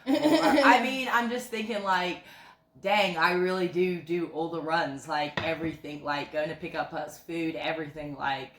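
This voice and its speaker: A woman's voice: low-pitched, moderate pace, a bit bright. A woman in her thirties chatting casually on a couple's home vlog, joking and rambling with lots of fillers. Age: 30s. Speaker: co-host. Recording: echoey room with faint noise.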